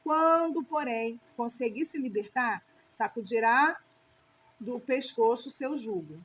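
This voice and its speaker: A woman's voice: fairly high pitch, slow, a bit bright, slight background noise. A woman reading the lines of an old blind father, solemn and grave, in her own voice.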